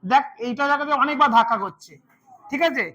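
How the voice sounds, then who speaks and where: A man's voice: very high-pitched, fast, bright, forceful tone, slight background noise. A man teaching English grammar to a class, repeating words and quizzing his students as he goes. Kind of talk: classroom lesson.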